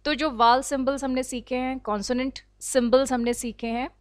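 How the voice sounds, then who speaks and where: A woman with an Indian accent teaching an online English class, explaining slowly and deliberately and mixing in English phrases. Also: sits high, flat delivery, no echo. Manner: slow, deliberate explaining, switching between Hindi and English. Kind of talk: online lecture.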